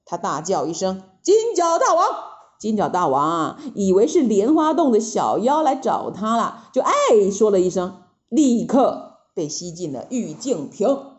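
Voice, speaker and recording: A woman narrating a children's story in a lively, expressive way, often adding little fillers. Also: medium pitch, normal speed.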